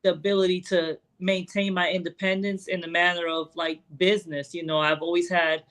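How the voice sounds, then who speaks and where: A woman's voice: lowish voice, flat delivery, a little fast, fairly bright tone, rough recording. A woman in her late forties talking reflectively on a podcast, with many "you know" fillers. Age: 40s. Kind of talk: casual podcast conversation.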